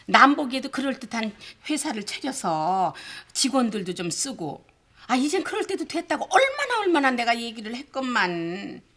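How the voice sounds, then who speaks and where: A woman's voice: on the high side, big pitch swings, moderate pace, fairly bright tone, exaggerated voice. A woman playing a nagging, status-hungry middle-aged wife and mother in a Korean TV family drama, with exasperated, emphatic complaints.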